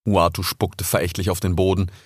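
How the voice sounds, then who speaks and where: A man narrating an animal story audiobook with expressive, lively storytelling. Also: low-pitched, fairly quick, no echo, studio quality.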